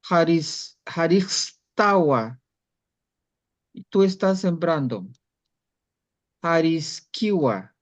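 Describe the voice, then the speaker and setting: A language student slowly and carefully reading out practice sentences in class, then asking the teacher for help. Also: mid-range voice, darkish tone, dry recording, lo-fi sound. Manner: slow, careful syllable-by-syllable reading.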